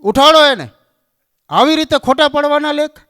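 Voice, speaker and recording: A man voicing an indignant, fiery male sage in a sermon story, shouting his demands. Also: extremely high pitch, very animated, brisk, pitched above the performer's own voice, heavily acted. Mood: furious.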